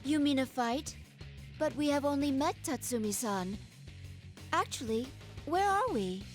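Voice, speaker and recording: A man's voice: very high voice, expressive, unhurried, faint music behind, voice pushed up. A man voicing a polite, formal female android schoolgirl in a raised voice. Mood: calm polite.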